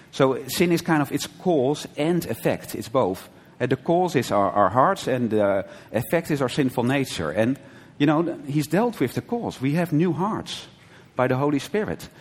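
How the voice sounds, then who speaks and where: A man preaching in an easy, conversational way, checking in with his listeners and laughing lightly as he explains. His mid-pitched voice carries a long reverb tail from a large hall. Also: expressive, normal speed, few pauses, breathy edge. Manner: conversational, frequent "right?" checks and brief laughs, self-correcting restarts. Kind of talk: conversational sermon teaching.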